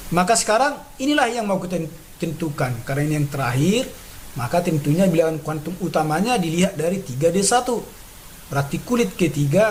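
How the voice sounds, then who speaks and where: A man teaches chemistry in a patient classroom manner, walking through each step and checking in often. His voice sits a bit high for a man. A faint noise runs under the recording. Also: low-quality recording. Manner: patient, repeats steps, frequent "ya" and "nah" checks. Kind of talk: classroom lesson explaining on a board.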